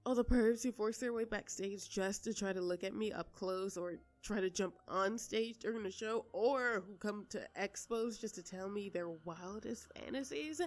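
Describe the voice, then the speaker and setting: A woman with a fairly high voice portrays a flustered but polite pop star seeking privacy, talking in a halting, conversational way for an intimate audio roleplay.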